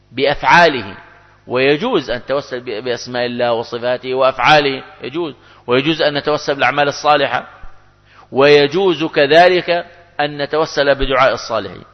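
A man giving a religious lesson on supplication, emphatic and rising in pitch and volume as he quotes prayers, in a large hall or mosque. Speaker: preacher. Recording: dull lo-fi recording with long hall reverb.

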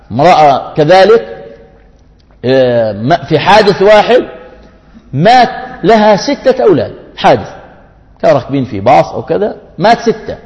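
Man, preacher, earnest sermon, rhetorical questions, slightly high voice, long hall reverb. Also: darkish tone. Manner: earnest, addresses the congregation with rhetorical questions and anecdotes.

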